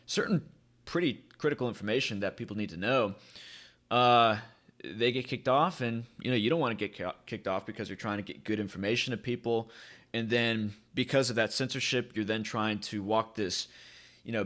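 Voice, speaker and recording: Guy with a lowish voice ranting on his channel, pushy and preachy, says stuff twice. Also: fairly bright tone. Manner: emphatic, preachy, repeats key phrases. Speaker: crypto YouTube host. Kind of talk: casual commentary vlog.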